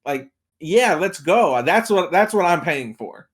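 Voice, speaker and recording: A man appears as a podcast guest and film expert, chatting casually about movies in a wry, tongue-in-cheek way. His voice is high-pitched and animated, and he speaks a bit slowly.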